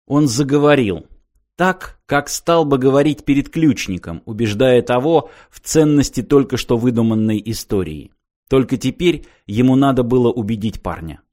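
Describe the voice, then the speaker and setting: A man reading a novel aloud in an even, measured storytelling voice. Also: mid-range voice. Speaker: narrator. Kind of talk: audiobook narration.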